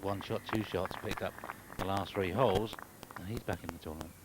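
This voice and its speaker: A man's voice: low-pitched, fairly even intonation, a little fast. A man giving live golf commentary in a conversational, informative way. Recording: very noisy outdoor broadcast sound.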